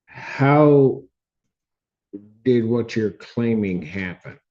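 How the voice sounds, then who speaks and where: In a warm, expressive, medium-pitched voice that draws out words, a man acting as judge questions firmly in court, interrupting with repeated "ma'am." The sound quality is dull.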